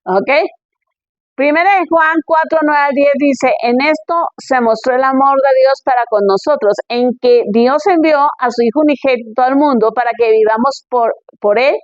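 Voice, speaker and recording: High-voiced woman preaching. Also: normal speed, no room sound, lo-fi sound. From Colombia. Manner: reads Bible verses, checks in with "¿ok?".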